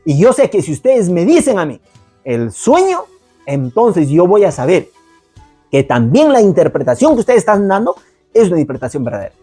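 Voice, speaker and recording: A man's voice: high voice, huge pitch swings, moderate pace, dark tone, breathy edge, no echo, soft background music, pitched above the performer's own voice, exaggerated voice. A man playing a demanding, wrathful ancient king within his sermon retelling. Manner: threatening, commanding.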